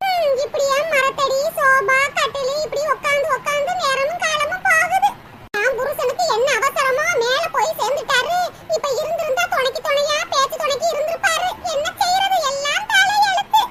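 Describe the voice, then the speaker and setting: A woman doing a squeaky grumbling village granny. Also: moderate pace. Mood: complaining. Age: older. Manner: scolding, self-pitying complaints. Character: grumbling elderly village grandmother. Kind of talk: cartoon comedy voice acting. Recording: loud background hiss.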